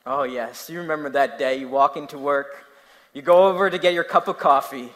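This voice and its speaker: A young man from New Jersey, with a New Jersey accent, preaches a sermon, animatedly telling stories and putting questions to his listeners. His voice is on the high side and brisk, and a long hall reverb fills the recording.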